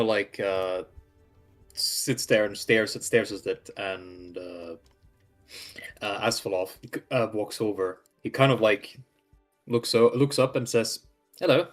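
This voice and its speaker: A man chatting casually as a player in a tabletop roleplaying game, often halting and repeating himself. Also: lowish voice, faint music behind.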